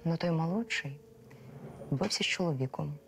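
An actress playing a talkative restaurant waitress in a docudrama, gossipy and quick to defend herself. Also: female voice, low voice, gravelly, faint music behind. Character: chatty, defensive waitress eager to point fingers. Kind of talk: docudrama reenactment.

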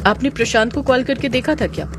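A woman doing a gentle, concerned young man. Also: a little high, a little fast, background noise, close to an everyday voice. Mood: concerned, soothing. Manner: soothing, reassuring. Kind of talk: audio drama narration. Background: background music.

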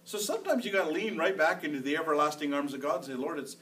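A man's voice: on the high side, expressive, racing, sharp tone, far from the mic, poor audio. A man preaching a sermon as pastor, in a conversational style that repeats phrases for emphasis. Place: church sanctuary.

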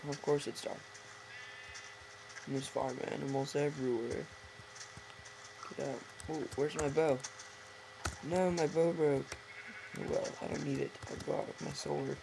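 A teenage boy comments casually on a let's-play, rambling, correcting himself and addressing his viewers in a hoarse, gravelly, creaky voice. It is medium-pitched and fairly even, at a measured pace with long pauses, recorded noisily on a home desk mic with keyboard typing audible.

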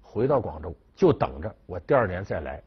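Husky man telling lively stories. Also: low voice, a little fast. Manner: lively storyteller, acts out quoted speech. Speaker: chess history commentator. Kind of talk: storytelling commentary. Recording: dull lo-fi recording.

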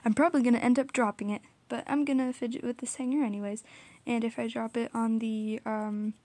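A woman's voice: a little high, steady tone, brisk, warm tone, dry recording. A young woman giving a casual, rambling, self-deprecating voiceover for her art video, recorded on a small audio recorder. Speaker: art vlogger. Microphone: small audio recorder, drifts off mic.

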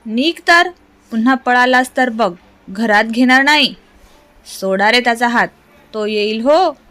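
A woman's voice: fairly high pitch, animated, a little slow, fairly bright tone. A woman doing a stern, scolding village mother. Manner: firm scolding.

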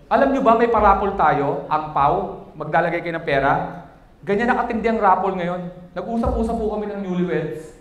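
Animated stand-up comedian man, echoey hall. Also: high-pitched, a little fast. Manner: animated, acts out quoted voices. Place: wedding reception hall.

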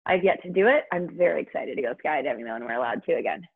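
A woman's voice: sits low, animated, racing, vocal fry, breathy edge. Upbeat woman aerobics instructor, muffled stream. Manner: upbeat, encouraging, short motivating cues. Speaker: fitness instructor leading a live online workout. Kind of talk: aerobics instructor cueing, counting down and coaching. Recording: muffled, band-limited online stream audio.

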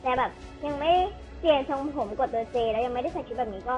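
A woman's voice: high-pitched, quick pace, a little mellow, faint music behind, rough recording. A young woman giving casual gameplay commentary over a Bluetooth headset, chatty and explaining the controls as she plays. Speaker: gameplay streamer.

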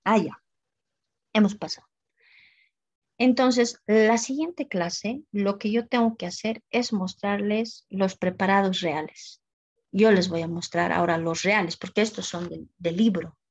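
A woman's voice: mid-range voice, measured pace, husky. A woman teaching an anatomy class online, repeating her instructions with emphasis over muffled video-call audio. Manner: repetitive, emphatic, drills instructions. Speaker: university anatomy lecturer.

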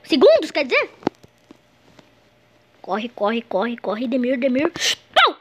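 Very high, excitable young gamer girl. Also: takes it slowly, slight background noise. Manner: excitable, shrieks at goals, keeps saying "gente". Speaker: gameplay commentator. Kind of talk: excited gameplay commentary.

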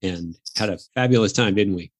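Low-voiced upbeat male podcast host. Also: brisk. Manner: chatty storyteller, upbeat. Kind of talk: casual podcast conversation.

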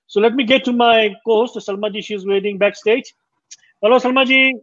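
A man's voice: sits high, steady tone, brisk. A middle-aged man casually hosting a show, mixing Hindi-Urdu and English, on a video call. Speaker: radio and TV show host. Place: small home office, indoors. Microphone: video call with wireless earbuds. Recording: dull, lo-fi video call audio.

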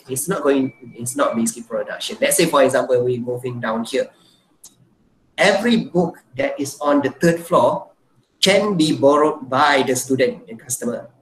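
Man lecturing in an echoey room. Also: mid-range voice. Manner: explains with repeated "let's say, for example" and "basically". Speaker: university lecturer. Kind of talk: online lecture over slides. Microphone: computer mic on a video call. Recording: echoey room with faint hiss.

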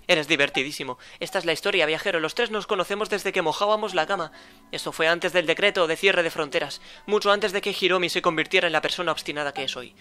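A man with a Spain Spanish accent voicing a cocky, mocking male treasure thief in a game, with quick banter. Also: high-pitched, bright, forceful tone, clear, resonant tone. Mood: teasing.

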